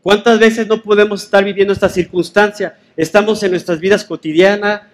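A man's voice: high voice, steady tone, fairly quick. A man preaching a sermon in a conversational way, asking listeners rhetorical questions.

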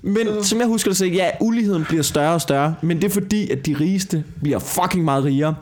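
A man's voice: on the high side, darkish tone. A young man, co-hosting a casual podcast chat, swearing freely and telling stories with animation. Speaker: podcast co-host.

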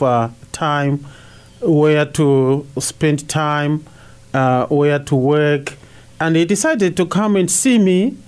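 A middle-aged Zimbabwean priest, a native Shona speaker, has a fairly high voice for a man and a darkish tone. Giving radio interview answers, he speaks thoughtfully and haltingly, with plenty of uhs and restarts.

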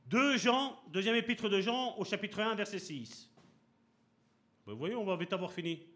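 A man preaching a lively, conversational sermon, acting out little scenes and asking his listeners questions. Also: sits high, measured pace. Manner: animated, acts out little scenes and voices; conversational, asks the congregation questions.

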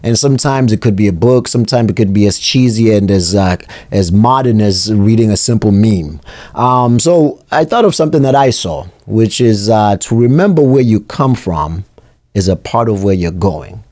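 A man hosting alone, talking in an unhurried, thoughtful and personal way. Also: lowish voice, expressive, warm tone, dry recording, studio quality. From South Africa. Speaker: podcast host. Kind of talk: reflective solo monologue.

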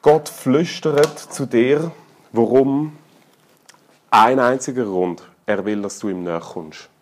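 A middle-aged man with a Swiss German accent preaching a sermon in a colloquial, humorous way, swinging between loud calls and hushed, intimate tones. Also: mid-range voice, slow.

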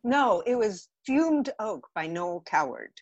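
A theatre director from the Los Angeles area guests on a casual podcast interview, telling candid stories with self-deprecating humour. She speaks slowly in a medium-pitched voice with big pitch swings, and the audio is dull with no room sound.

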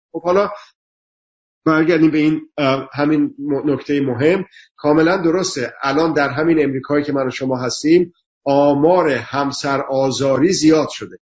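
A man speaking earnestly on a talk show, lecturing through emphatic repeated lists. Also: fairly high pitch. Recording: dull lo-fi sound.

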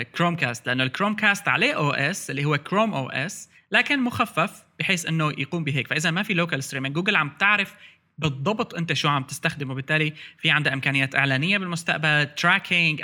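A man's voice: a little high, rapid-fire, pushed and bright. A man with a Levantine Arabic accent chatting casually about tech as a podcast host, mixing English terms into his Arabic.

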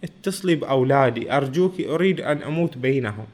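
A man's voice: medium pitch, animated, fast, a little mellow, lightly acted. A man voicing a tired sick old mother. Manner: tired, faintly amused. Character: exhausted sick older mother.

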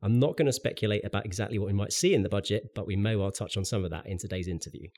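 A podcast host with a low, dark voice races through a scripted pensions news update, adding dry, wry asides. He sounds a little bunged up from a cold.

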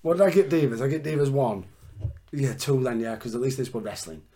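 A man hosting a casual podcast chat, excitable and swearing freely. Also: medium pitch, brisk. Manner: profane, excitable. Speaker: podcast host.

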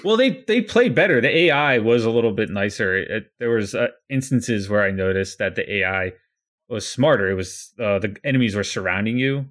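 A man's voice: fairly low pitch, expressive, moderate pace, fairly bright tone. A man co-hosting a casual gaming podcast, talking hesitantly with many fillers. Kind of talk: casual chat.

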